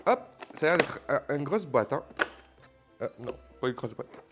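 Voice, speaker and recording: A man's voice: medium pitch, sing-song, moderate pace, over music. A man chatting casually to his viewers in a joking, playful way while unboxing gifts. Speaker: youtuber opening advent calendars. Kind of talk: casual vlog chat to viewers.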